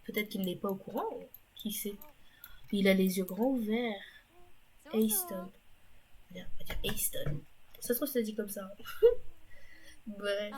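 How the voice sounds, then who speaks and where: A woman's voice: mid-range voice, moderate pace, pauses often. A woman giving casual let's-play commentary as a gaming YouTuber, chatty and rambling with wry asides.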